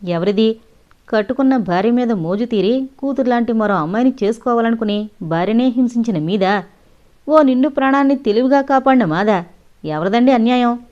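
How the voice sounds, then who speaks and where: A woman's voice: mid-range voice, brisk, a little mellow, lightly acted. A woman voicing a grave male doctor who speaks firmly and sternly, in an audio novel. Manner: grave, firm. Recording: dull lo-fi audio.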